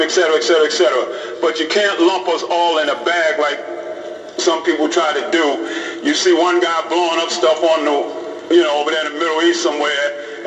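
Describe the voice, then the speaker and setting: A man's voice: on the high side, fairly bright tone. A middle-aged man, an imam, speaking in a plain, repetitive way to police recruits. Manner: plain-spoken, repeats phrases for emphasis. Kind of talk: informal talk to police recruits. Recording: roomy hall audio from a distant mic.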